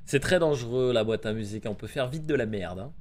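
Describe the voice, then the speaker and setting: A man in his thirties doing casual live horror-game commentary as a streamer, excitable and jumpy, swearing freely. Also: fairly quick, slight background noise. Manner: excitable, jumpy, swearing, bursting into high shouts. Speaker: video game livestreamer. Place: indoors at a home streaming setup.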